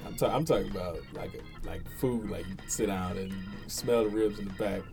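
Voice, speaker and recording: A man's voice: on the low side, fairly quick, music in the background. A man chatting casually with friends, playful and laughing often. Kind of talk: casual chat among friends.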